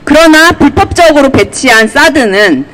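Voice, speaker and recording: A woman's voice: high voice, animated, fairly bright tone, rough recording. A woman from South Korea emceeing a street rally, announcing speakers and leading chants. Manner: brisk announcing, leads call-and-response chants.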